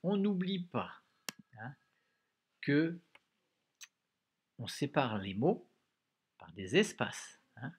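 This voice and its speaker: A man teaching a dictation lesson to young pupils, slow and patient, spelling words out syllable by syllable and often adding "hein". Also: mid-range voice, sing-song, husky. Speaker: primary school teacher. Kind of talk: recorded remote dictation lesson.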